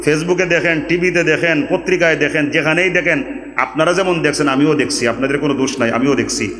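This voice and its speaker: A man from Bangladesh preaching an Islamic sermon to a gathering, rhythmic and sing-song, swinging between high ringing calls and low asides and joking with the crowd. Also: fast talker, fairly bright tone, reverberant, in a large hall. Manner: chants Arabic quotes in a sing-song. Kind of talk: sermon at an open religious gathering.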